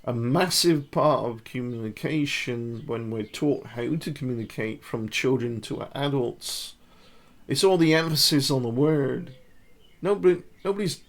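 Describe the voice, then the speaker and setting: A man's voice: mid-range voice, a little slow, gravelly. A man giving casual body-language commentary to camera, talking the viewer through poses and demonstrations.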